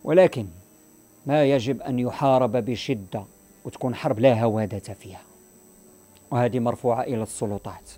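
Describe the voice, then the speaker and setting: Fast emphatic Moroccan man on radio. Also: mid-range voice, dark tone, soft background music. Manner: emphatic, repetitive, moralizing. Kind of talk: impassioned radio talk. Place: radio studio.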